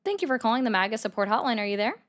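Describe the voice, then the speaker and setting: Her voice sits on the high side and her intonation is lively. As host of a political livestream that takes callers, she argues with them bluntly and is quick to ridicule them.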